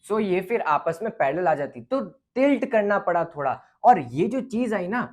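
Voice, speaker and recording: Explaining a lecture on light, a male teacher reasons through a physics problem out loud, relaxed and in no rush. His voice sits high with a darkish tone and great animation, and he frequently stops to check that students keep up.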